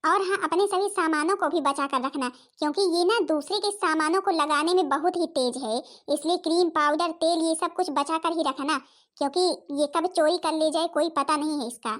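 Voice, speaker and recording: A woman voicing a sharp-tongued, scolding village mother-in-law in a cartoon, nagging and accusing. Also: high-pitched, a little fast, close to an everyday voice. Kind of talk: cartoon voice acting.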